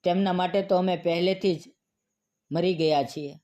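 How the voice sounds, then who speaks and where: A man reading the lines of a grieving elderly widowed mother in a storybook tale, in an even, sorrowful manner. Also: high-pitched, moderate pace, lightly acted. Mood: bitter resolve.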